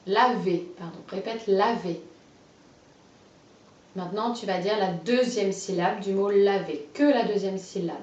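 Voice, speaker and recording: A woman guiding a child through a phonology lesson, giving clearly pronounced words one at a time and encouraging replies. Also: medium pitch, darkish tone, far from the mic. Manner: slow, carefully articulated, encouraging. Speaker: teacher of a phonology exercise. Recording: dull, roomy, off-mic sound.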